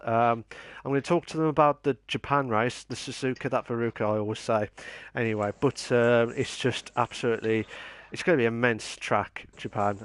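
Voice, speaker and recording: A man's voice: mid-range voice, no echo. A man with an English Midlands accent interviewing racers casually, chatty and informal, often repeating his phrases. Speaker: post-race interviewer.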